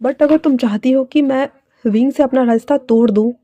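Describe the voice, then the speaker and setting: A woman voicing a young mafia man who speaks softly and earnestly, ready to sacrifice himself. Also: sits high, moderate pace, dry recording, muffled recording. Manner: soft, quiet, earnest.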